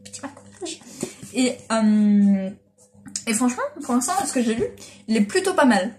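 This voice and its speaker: A woman's voice: fairly high pitch, animated, normal speed, darkish tone, a little hiss or hum. Young woman rambling in a chatty vlog. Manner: rambling, chatty, many fillers and restarts. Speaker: manga vlogger. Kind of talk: casual chat. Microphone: built-in device mic.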